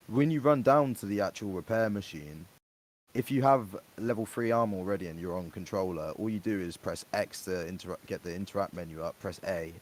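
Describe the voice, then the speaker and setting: A man on a gaming podcast, walking through game details and letting his sentences trail off quietly. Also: low-pitched, poor audio. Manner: explanatory, trailing off softly. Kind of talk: casual gaming podcast chat.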